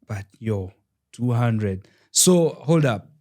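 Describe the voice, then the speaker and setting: A man's voice: mid-range voice, animated, slow pace, a little mellow. Emphatic Ugandan-born man in casual chat. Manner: emphatic, opinionated, says "man" and "yo" often. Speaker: podcast co-host.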